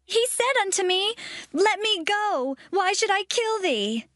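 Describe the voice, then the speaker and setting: A woman's voice: extremely high pitch, sing-song, measured pace, fairly bright tone, no room sound, studio quality, heavily acted. A woman playing an earnest young wife of ancient Israel in a dramatized scripture reading. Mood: pleading excuse.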